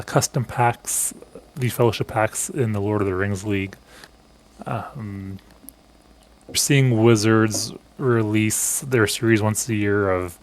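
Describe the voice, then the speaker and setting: A man with a fairly low voice, a guest on a casual podcast. He explains things eagerly at a quick clip, with plenty of fillers. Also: poor audio.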